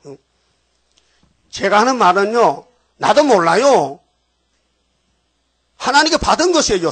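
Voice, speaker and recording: High-pitched guy preaching, folksy, jumps into story voices, keeps asking the crowd stuff. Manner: animated storytelling preacher, acts out biblical voices; folksy, calls out to congregation. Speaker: pastor. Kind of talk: sermon.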